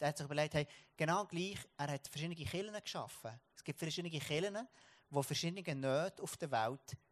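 In a fairly high voice, a Swiss German man preaches to his congregation. He tells a story from daily life, restarting and repeating words often, then shapes it into a sermon.

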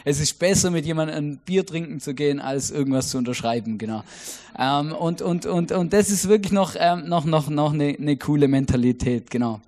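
Young male preacher, high voice, casual chatty sermon full of fillers. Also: a little fast, a little mellow. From Germany.

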